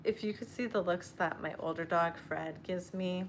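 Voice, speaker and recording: Chatty woman crafter with a lowish voice. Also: normal speed, slight background noise. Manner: chatty and rambling, laughs often, coos at her dogs. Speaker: crochet vlogger. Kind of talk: casual chat while crocheting.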